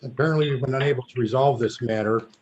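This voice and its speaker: A man's voice: medium pitch, fast talker, a crowd in the background. A man speaking as an attorney over a video call in a virtual court hearing, firm and matter-of-fact. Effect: heard over a video call. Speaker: attorney for the plaintiff. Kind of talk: formal legal argument in a virtual court hearing. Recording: dull lo-fi video call audio with faint noise.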